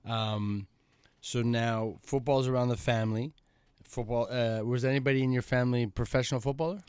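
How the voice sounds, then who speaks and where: A man hosting a football interview show in a studio, excitable and rambling as he introduces and questions his guest. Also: moderate pace, clear, resonant tone, no echo. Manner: excitable, rambling introductions with big pitch swings. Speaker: podcast host. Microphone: studio microphone.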